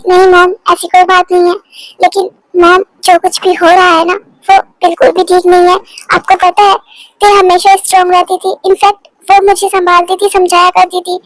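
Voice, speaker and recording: A high-voiced performer dubbing a loyal young woman who coaxes and soothes a crying friend in a melodrama. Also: no room sound, rough recording. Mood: worried. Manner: soothing, coaxing, affectionate. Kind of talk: fan dub of a melodrama.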